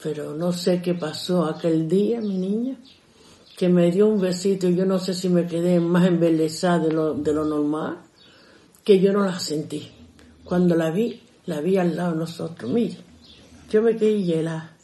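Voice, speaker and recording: A woman's voice: lowish voice, moderate pace, mellow. An older woman casually telling stories from her youth, chatty and homely, addressing her listeners directly. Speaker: storyteller. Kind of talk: casual storytelling of memories. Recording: roomy echo.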